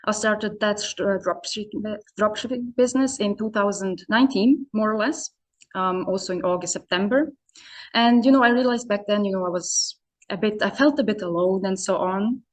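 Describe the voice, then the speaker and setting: A woman's voice: medium pitch, normal speed. A young adult woman from Serbia, an English speaker, talking in a casual interview as a podcast guest, full of hesitant fillers like "you know" and "um". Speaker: podcast guest, founder of an online business community.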